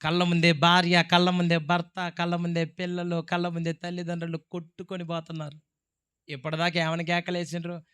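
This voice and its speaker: A male pastor preaching a dramatic sermon, swinging between hushed and loud. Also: on the high side, monotone, fairly quick, clean tone.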